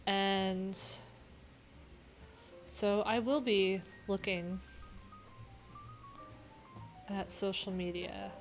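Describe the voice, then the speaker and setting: In a low-quality recording, a middle-aged developer hosts a livestream from a small, cluttered room with music playing, chatting casually while browsing. She speaks extremely slowly with a medium pitch and fairly even intonation, pausing often as she rambles candidly through her thoughts.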